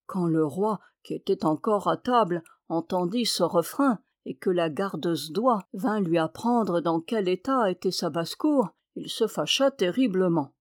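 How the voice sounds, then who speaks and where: A woman reading a fairy tale aloud in a lively, expressive way. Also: fairly low pitch, measured pace, few pauses, no room sound, clean studio sound. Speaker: storyteller.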